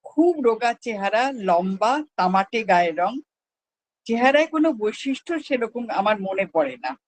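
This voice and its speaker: A person reading a personal memoir aloud at a prayer gathering, in an unhurried, measured storytelling manner. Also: mid-range voice, very animated, slight background noise, rough recording.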